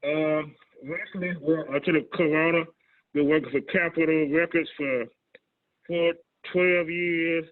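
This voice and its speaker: A man's voice: fairly high pitch, steady tone, unhurried, a crowd in the background. A man in his forties, a radio DJ chatting on a video call, his voice hollow and muffled as if he were talking into a trash can. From Houston, Texas. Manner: laid-back, rambling, many fillers and restarts. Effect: hollow, muffled sound as if talking into a trash can. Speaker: radio DJ and record promoter. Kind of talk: casual panel chat on a video call. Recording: tinny phone-like call audio.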